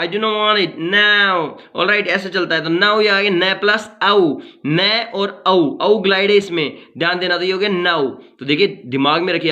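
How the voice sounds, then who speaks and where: A man's voice: a little high, bright, forceful tone, dull audio. A man teaching a phonetics lesson, explaining step by step, repeating words for practice and mixing in English phrases.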